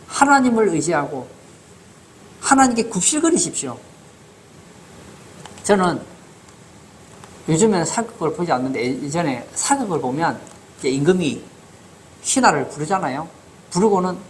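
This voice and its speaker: A man's voice: a little high, slight background noise. A man preaching a sermon as pastor in a church, asking the congregation rhetorical questions.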